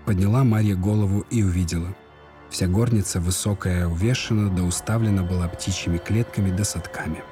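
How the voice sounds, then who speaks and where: Brief: male storybook narrator, measured and solemn, dark warm tone. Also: deep voice, steady tone, faint music behind. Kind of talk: storybook reading.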